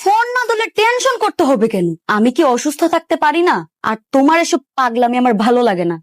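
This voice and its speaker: A woman's voice: fairly high pitch, animated, fast talker, no room sound, studio quality, close to an everyday voice. An actress playing a young girlfriend who answers defensively and pleads apologies. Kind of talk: Bangla TV drama acting.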